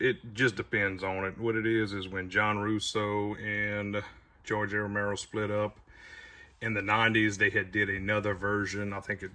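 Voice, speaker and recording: Casual man with bright, lowish voice. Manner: rambling, offhand, audibly heavy breathing. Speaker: video collector showing his shelves. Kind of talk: casual collection tour.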